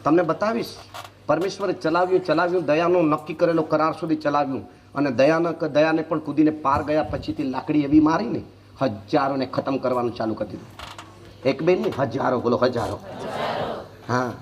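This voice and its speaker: A male pastor from Gujarat, India, preaches a lively sermon, quizzing his congregation with "Hallelujah" and "Hey?" and swinging from low asides to sudden shouts. The mic is distant, with loud room ambience and slight background noise.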